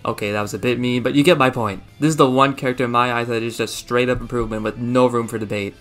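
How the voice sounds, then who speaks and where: A man's voice: mid-range voice, steady tone, fast talker, a bit bright, soft background music. A young man narrating a scripted video essay, opinionated and enthusiastic. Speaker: video reviewer.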